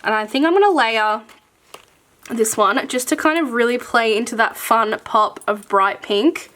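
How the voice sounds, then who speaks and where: Chatty woman, highish voice, talking planner stuff, lots of ums and likes. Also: a little slow, a bit bright. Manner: chatty and enthusiastic, many fillers. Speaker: planner content creator. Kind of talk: casual chat showing craft supplies.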